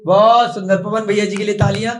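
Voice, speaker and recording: A man's voice: high-pitched, flat delivery, a little fast, echoey room, background noise. A young man teaching a classroom lesson, patiently asking the class questions.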